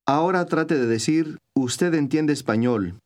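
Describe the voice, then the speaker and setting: Man narrating a recorded language lesson. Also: a little high. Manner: clear, measured teacher's delivery. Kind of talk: scripted instructional narration.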